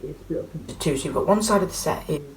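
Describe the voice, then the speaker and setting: A young woman with a notably low voice talks casually to her camera about a show she is seeing. She sounds chatty and keen, stumbling over fillers and restarts as she goes. A faint hiss sits under the recording. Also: lively intonation, fast, poor audio. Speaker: theatre vlogger. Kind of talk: casual vlog chat to camera.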